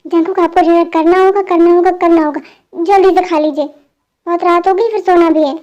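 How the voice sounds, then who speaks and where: A woman as a nagging young wife, high, muffled. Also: steady tone, a little fast, a little mellow. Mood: insistent. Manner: insistent, repeats herself. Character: insistent young wife nagging husband to eat. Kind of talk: fan dub drama.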